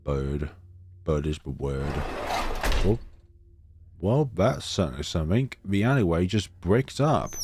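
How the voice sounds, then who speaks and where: A man's voice: low-pitched, very animated, measured pace, long pauses, noisy background. A man streaming a game, mixing commentary with theatrical read-aloud of the text.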